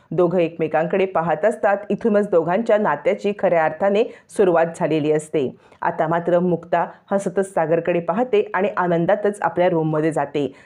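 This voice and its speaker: A woman narrating a recap of a family drama serial in a steady storytelling manner. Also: mid-range voice, dull audio. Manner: steady storytelling, retelling dialogue.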